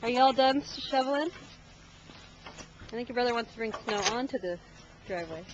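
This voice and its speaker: A woman's voice: on the high side, brisk. A mother filming her children outdoors on a snowy driveway, coaxing them to wave and smile, heard through old camcorder audio. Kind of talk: home video chat behind the camera. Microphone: built-in camcorder mic. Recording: muffled lo-fi camcorder sound with heavy noise.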